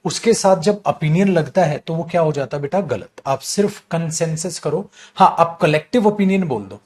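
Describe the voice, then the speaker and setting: A man teaches English usage to an online class in Hindi, his voice sitting a little high. He explains each point patiently and addresses the students fondly. He repeats common mistakes with playful mock emphasis before correcting them. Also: animated, normal speed, darkish tone. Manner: explains patiently, calls students beta, quotes wrong phrases with mock emphasis.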